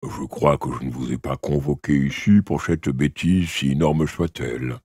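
A man voicing a weary, stern old king in an audiobook, speaking slowly and gravely. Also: dark tone, no echo, studio quality, exaggerated voice. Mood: confiding. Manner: slow, low and deliberate, dropping to confiding. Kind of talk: audiobook character voice.

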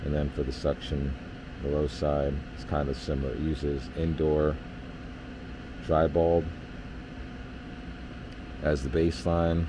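An HVAC technician, male, casually walks through system readings in a basement furnace area, leaning heavily on filler words. His very deep voice moves slowly with long pauses, against background noise.

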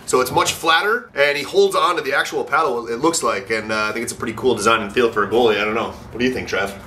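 A man's voice: medium pitch, fast talker, sharp tone, a little hiss or hum. A man chatting casually and slangily in a vlog, with loose trailing asides, picked up by a handheld camera. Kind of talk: casual chat.

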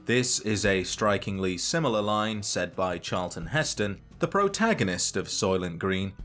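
A man narrating a scripted game video essay in a measured, dry and wry way. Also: fairly low pitch, lively intonation, a bit bright, soft background music.

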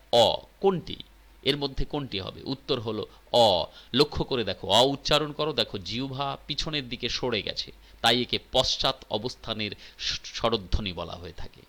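A man's voice: medium pitch, sharp tone. A man teaching a recorded exam-prep lesson in Bengali. He reads out multiple-choice options, asks the listener which is right, then explains the answer.

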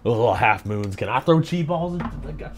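A man's voice: medium pitch, expressive, a little fast, a little hiss or hum. A man streaming a casual video reaction, talking in an incredulous, slangy way full of swearing.

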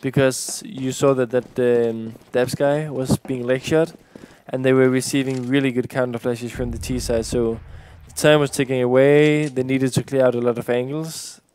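A man with a Danish accent giving relaxed analytical color commentary on a competitive shooter match. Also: medium pitch, moderate pace, few pauses, slight background noise. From Denmark. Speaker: esports co-commentator.

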